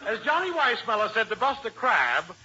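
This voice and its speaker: An actor playing a wisecracking, excitable, zany store salesman in a 1940s radio comedy. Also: extremely high pitch, moderate pace, heavily acted. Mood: jokey. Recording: muffled, lightly noisy old radio broadcast.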